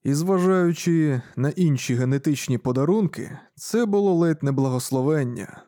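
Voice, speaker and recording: A man reads scripted audiobook narration in an even, measured way. His voice is dark and mellow, pitched a little high for a man. The recording is dry and close. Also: dry recording.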